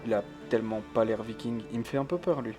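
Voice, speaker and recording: A male streamer keeps his voice down as he plays a game and reads chat in a casual let's-play session, laughing often. He speaks at medium pitch and talks fast, with soft background music, from a home room with thin walls.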